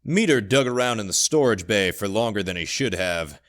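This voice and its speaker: A man narrating a scripted horror story in a steady, low storytelling voice. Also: normal speed.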